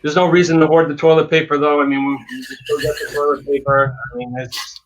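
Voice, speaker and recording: A man's voice: a little high, flat delivery, brisk, low-quality recording. A dentist giving frank, emphatic advice in a casual interview, often repeating words as he talks.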